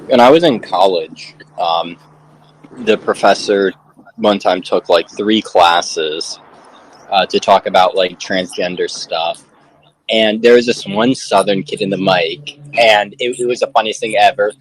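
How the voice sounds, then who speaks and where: A man's voice: fairly low pitch, a little slow, slight background noise. A man in his twenties in a casual group chat, telling anecdotes packed with "like" and "um". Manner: anecdotal storyteller, filler-heavy.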